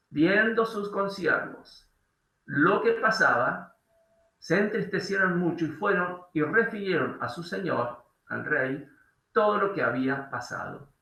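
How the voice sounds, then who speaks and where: A man with an Argentine accent preaches, reading scripture and breaking it down with questions to the congregation. His voice is somewhat high, bright and edged with gravel. The echo of a church hall rings around him. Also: expressive, a little slow. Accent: Argentine Spanish. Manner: reads scripture aloud and explains it, asks the congregation questions. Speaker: pastor.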